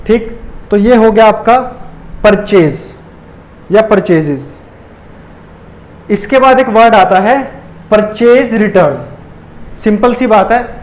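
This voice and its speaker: A high-voiced man teaching accounting, who keeps asking his students a question and then answering it himself. He speaks in a steady classroom lecture style. A faint noise sits behind his voice. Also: low-quality recording. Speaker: commerce teacher.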